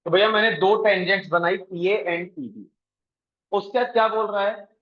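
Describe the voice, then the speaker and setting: A man teaching a coaching class, briskly quizzing his students and mixing English math terms into his talk. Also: high-pitched, steady tone, highs cut off. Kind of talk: classroom lesson.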